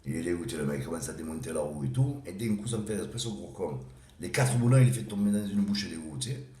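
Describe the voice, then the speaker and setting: A man with a low, mellow voice rambles through a string of crude jokes and keeps dropping little "you see" asides. The recording sounds roomy and echoey, as if made in a bare room. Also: animated, fast. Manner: rambling, with many "tu vois" asides. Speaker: joke teller. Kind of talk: casual joke telling.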